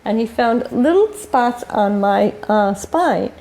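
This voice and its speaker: An older woman, a filmmaker, telling animated stories in an interview and laughing often as she acts out what people said. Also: a little high, slow pace, poor audio. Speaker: filmmaker guest. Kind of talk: casual storytelling interview.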